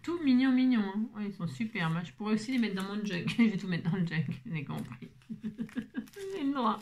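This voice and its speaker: A woman's voice: mid-range voice, a little fast, darkish tone. A woman vlogging casually while opening craft mail at her table at home, chatty and playful, gushing over every item.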